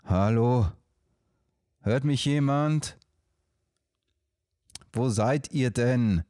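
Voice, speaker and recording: A man's voice: low voice, fairly even intonation, a little slow, dark tone, no room sound, studio quality. A man voicing a lost, tired and thirsty emperor in a storybook, pleading wearily. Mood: weary. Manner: weary and pleading.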